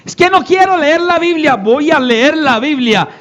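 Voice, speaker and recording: A tired, reluctant churchgoer whines and pleads for strength, as a man pastor puts him on. The voice rides even higher than the speaker's already very high preaching pitch. It sounds drawn-out and sorry for itself. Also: heavily acted. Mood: pleading. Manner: whiny, pleading.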